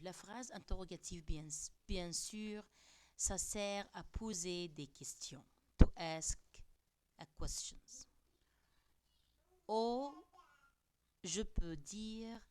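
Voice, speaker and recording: A woman's voice: on the low side, bright, forceful tone, clean tone. A woman teacher explaining French grammar to young pupils, translating each point into English as she goes. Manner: switches between French and English glosses, slow and deliberate. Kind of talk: classroom lesson explaining grammar.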